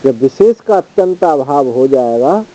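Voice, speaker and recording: A man teaching as a swami, reciting Sanskrit verses and then explaining them in a measured, steady commentary. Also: mid-range voice. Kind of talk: scripture study commentary. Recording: dull lo-fi recording.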